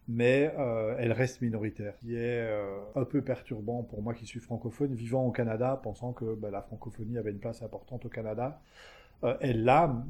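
Interviewed as a community organization manager, a man replies in a warm, mid-range voice. His answers are halting and packed with fillers, restarts and tag words, and he keeps adding "hein" to the end of phrases.

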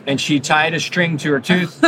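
A man's voice: a little high, moderate pace. A man, an orthodontist, talking casually in an interview and telling stories with acted-out quotes, recorded on an exhibit hall floor. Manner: animated storyteller, acts out quotes. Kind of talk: conversational interview. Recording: noisy trade show hall.

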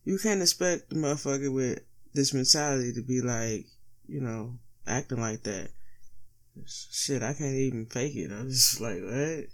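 A male podcast host talks off the cuff in a stoned, slightly sluggish way. His delivery is casual and slangy, peppered with heavy swearing, at a middling pitch. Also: moderate pace. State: stoned, sluggish from being high. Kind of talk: casual solo podcast monologue.

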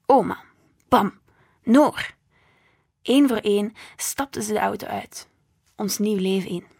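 A woman narrating a children's story in the first person, quietly, drifting into hushed whispers. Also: medium pitch, creaky, slightly rough. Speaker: audiobook narrator.

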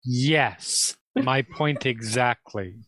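A man's voice: mid-range voice, extremely slow, a bit bright, no echo. A man playing a tabletop game, talking casually with the others at the table.

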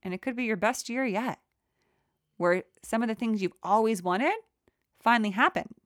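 A young adult woman hosting a reflective solo podcast, talking in a gentle, encouraging way that rambles with many fillers. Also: a little high, moderate pace, dry recording, clean studio sound. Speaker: podcast host.

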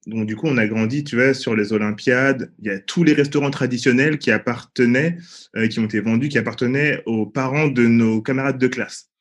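A man's voice: mid-range voice, fairly even intonation, fairly quick. A man from Paris co-hosting a podcast, asking questions in casual chat with slang. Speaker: podcast co-host.

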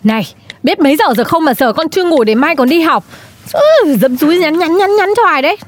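A woman's voice: sits high, big pitch swings, fairly quick, slight background noise. A woman playing an exasperated middle-aged mother who scolds her teenage daughter in a comedy sketch. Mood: scolding.

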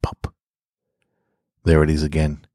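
Recorded in a garage with no room sound, an Australian podcaster begins with an easygoing intro and moves into first-person horror narration, lips close to the mic. The voice is very deep and mellow, the delivery completely flat and slow.

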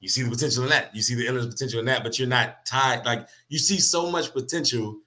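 Man, podcast co-host, bright voice, halting, searching, casual chat. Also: medium pitch. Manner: searching, halting, many restarts. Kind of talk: reflective casual conversation.

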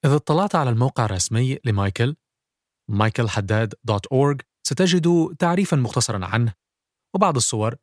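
A man's voice: medium pitch, expressive, fast, no echo, clean studio sound. A man hosting and narrating a scripted documentary podcast.

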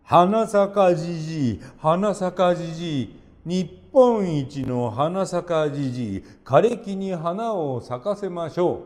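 A man voicing a kind, honest old grandfather in a folk tale, chanting slowly in a high singsong voice. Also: lively intonation, a little mellow. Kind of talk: storybook reading.

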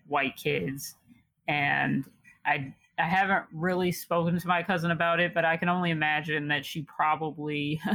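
A woman's voice: sits low, a bit bright, no echo. A young woman from Chicago telling a personal story in casual conversation, laughing often and reflecting with many fillers.

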